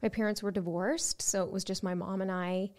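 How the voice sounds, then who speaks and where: A woman's voice: mid-range voice, steady tone, fairly quick, a little mellow. A woman from Nova Scotia, a TV co-host, chatting casually as a guest in an interview and laughing easily. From Nova Scotia, Canada.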